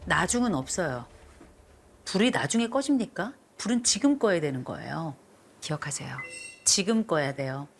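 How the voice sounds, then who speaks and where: A woman's voice: fairly low pitch, sing-song, moderate pace, vocal fry, a little hiss or hum. A middle-aged woman counseling a couple on TV, lecturing firmly and scolding. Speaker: marriage counselor. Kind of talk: TV counseling session. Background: background music.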